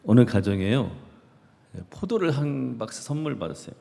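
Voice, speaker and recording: A man's voice: mid-range voice, sing-song, moderate pace, gravelly, mellow. A male pastor preaching a sermon, telling a story conversationally and asking the congregation rhetorical questions. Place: church sanctuary. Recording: reverberant church hall.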